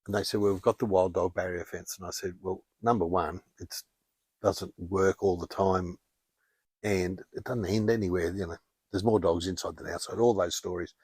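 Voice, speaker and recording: An older Australian man telling stories in a relaxed, wry way as a podcast guest. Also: deep voice, moderate pace, husky, no echo. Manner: chatty, anecdotal, wry. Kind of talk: casual interview storytelling.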